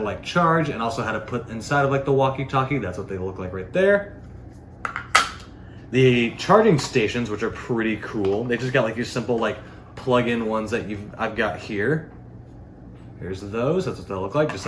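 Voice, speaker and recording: A man with a fairly bright, mid-range voice reviews a product, walking through a loose, unscripted demonstration peppered with filler words. The recording picks up an echoey room and faint background noise.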